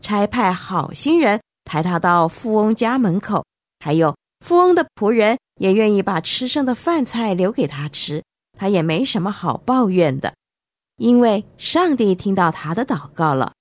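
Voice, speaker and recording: A woman tells a Bible story to children, talking straight to them with an animated delivery. Her voice rises and falls widely. It is recorded close and dry. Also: mid-range voice, normal speed, no echo. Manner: animated, addressing children directly.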